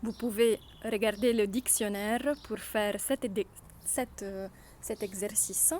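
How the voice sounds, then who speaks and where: A woman who first spoke Italian guides learners through an app in a workshop, describing every click step by step with small hesitations. Her medium-pitched voice is steady, slow and a little mellow, over slight background noise.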